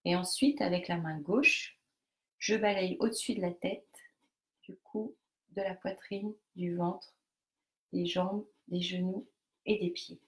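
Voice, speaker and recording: Her fairly low, steady voice moves slowly with long pauses as she coaches a live group. She addresses participants directly, walking through a technique in steps while frequently hesitating and restarting.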